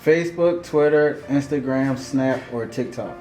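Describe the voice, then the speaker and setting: A man's voice: mid-range voice, a little slow, dark tone. A man, interviewing in a casual, chatty style. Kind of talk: casual chat and quick-fire questions. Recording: echoey room with faint music.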